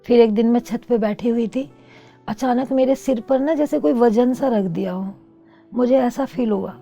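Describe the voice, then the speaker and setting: A woman's voice: on the high side, moderate pace, creaky, dark tone, faint music behind. A middle-aged woman telling her own story as an interview guest, earnest and reflective. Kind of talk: personal testimony.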